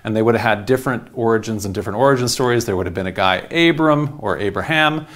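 A man's voice: lowish voice, fast talker, a bit bright. A man giving a casual history lecture, rambling with many fillers and restarts.

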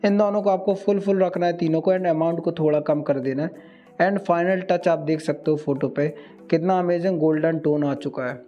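A man's voice: a little high, muffled recording. Man narrating an editing tutorial. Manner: steady instructional, mixing English words into Hindi. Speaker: video tutorial host. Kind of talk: step-by-step screen tutorial.

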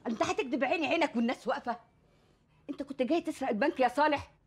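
A woman's voice: high voice, rapid-fire, darkish tone, soft background music, lightly acted. An actress playing an exasperated mother with an Egyptian accent, scolding her grown son in a film comedy scene. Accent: Egyptian Arabic.

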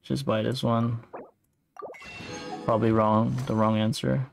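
A male game streamer mutters and thinks aloud through casual playthrough commentary, streaming indoors over game audio with faint music in the background. He speaks extremely slowly in a medium-pitched, level, creaky voice.

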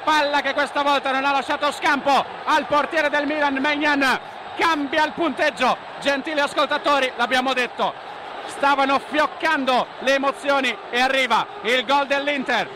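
A man giving breathless, excited live radio football commentary, shouting out goal calls and repeating words. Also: extremely high pitch, normal speed. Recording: loud stadium crowd noise behind radio commentary. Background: roaring football stadium crowd.

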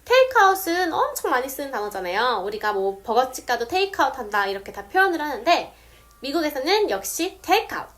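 A woman explaining English words step by step, saying example sentences slowly. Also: sits high, sing-song, fairly bright tone. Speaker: English teacher. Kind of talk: casual video lesson.

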